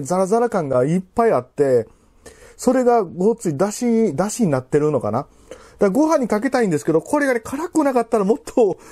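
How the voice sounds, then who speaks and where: A man in his thirties with a Kansai accent, chatting casually while eating, in a halting, rambling way with repeated phrases, labored from spicy food. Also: high-pitched, mellow, slightly rough. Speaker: food vlogger. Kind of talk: casual chat while eating and drinking to camera. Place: living room at home.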